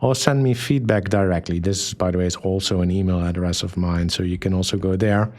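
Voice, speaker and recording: A man presenting a software tutorial in a relaxed, hesitant way, with many ums and restarts, reading aloud what he types. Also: sits low, a little fast. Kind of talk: screen-recorded software tutorial.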